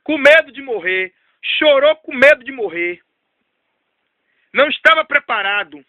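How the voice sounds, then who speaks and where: A man preaching a sermon, telling a story and repeating key phrases while dropping low for emphasis. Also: animated, unhurried, sharp tone, no echo, lo-fi sound.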